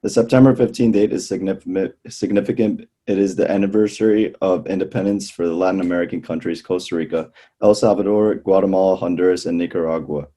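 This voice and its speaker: Student announcer, deep mellow voice, steady reading. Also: male voice, fast talker. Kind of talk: read announcement.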